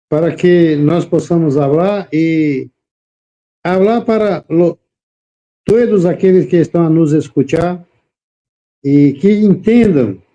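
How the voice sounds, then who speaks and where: A man with a Brazilian Portuguese accent, a guest preacher in a religious interview, speaking halting, careful Spanish as a learner. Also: a little high, mellow, low-quality recording.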